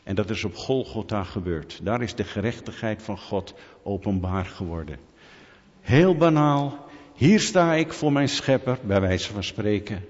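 A man's voice: lowish voice, expressive, a little slow, darkish tone. A man preaching a sermon, emphatic and firing rhetorical questions at his listeners. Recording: long reverb, dull lo-fi sound.

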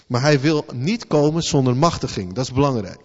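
A man's voice: mid-range voice, lively intonation, a little fast. Man, sermon, conversational, rhetorical questions, repeats words, long hall echo, dull sound. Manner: informal, conversational preaching with rhetorical questions and "hè" tags; repeats words and restarts while thinking aloud. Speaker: preacher.

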